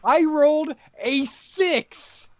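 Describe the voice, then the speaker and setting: A man's voice: extremely high pitch, very slow, muffled recording. A man playing a tabletop roleplaying game, chatting casually in a hesitant, wry way with some swearing.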